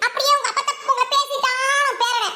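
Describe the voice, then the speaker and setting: A woman's voice: very high-pitched, level tone, fairly quick, pushed and bright, a little hiss or hum. A woman voicing a chatty, teasing village girl in a cartoon, often laughing as she talks. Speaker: cartoon voice artist doing several village characters.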